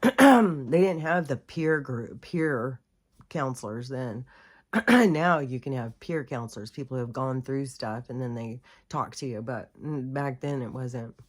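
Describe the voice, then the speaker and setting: This host is a middle-aged American woman with a very deep, breathy-edged voice who takes her time. In a casual storytelling monologue she shares a personal story candidly and ramblingly, with plenty of fillers and self-corrections.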